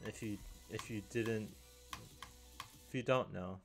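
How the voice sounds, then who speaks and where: A young man chatting casually to camera in a deadpan, rambling way, often restarting his sentences. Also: fairly low pitch, takes it slowly, gravelly. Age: young adult. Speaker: video creator. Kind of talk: casual solo chat.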